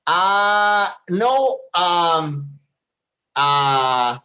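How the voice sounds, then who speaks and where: A man's voice: high voice, lively intonation, very slow, pushed and bright, clear, resonant tone, rough recording. A man chatting casually as a player at a tabletop game.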